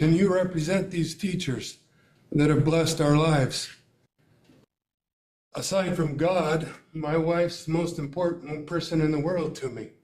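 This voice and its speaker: An older man speaking at a school board meeting, emotional and tearful, rambling with many pauses and fillers. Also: on the high side, a little mellow. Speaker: parent addressing school board. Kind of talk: public comment at a meeting. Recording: echoey meeting room.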